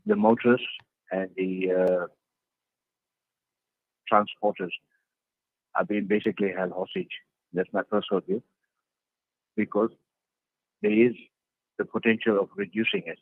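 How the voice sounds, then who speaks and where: A man speaks over a thin, tinny video call, with a low, gravelly voice. He is a political councillor who answers earnestly and hammers his points home by repeating them. The sound is dry and close, with no room around it. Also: unhurried, long pauses, no room sound. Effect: heard over a video call. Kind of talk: interview answers.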